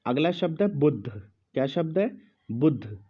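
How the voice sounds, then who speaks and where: Guy giving a slow spelling dictation, repeats every word, kinda dull audio. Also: fairly high pitch, lively intonation. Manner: speaks slowly with pauses, repeats each word. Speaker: Hindi teacher.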